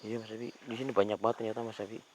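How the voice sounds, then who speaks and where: Male ghost-hunt host, hushed on-location narration with sudden loud calls, crickets faint in the background. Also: lowish voice, steady tone, racing, a little hiss or hum. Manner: whispery, breaks into loud urgent calls. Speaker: ghost-hunting video host.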